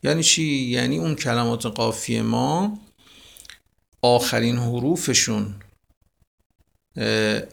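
A man teaching a lesson on rhyme in Persian poetry. He poses questions, answers them himself and praises his listeners, and he recites verses slowly and with weight. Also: medium pitch, vocal fry.

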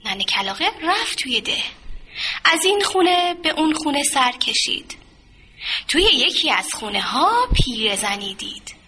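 Woman storyteller, high voice, lively melody, bright, children's tale. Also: slight background noise. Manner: gentle, expressive, sing-song.

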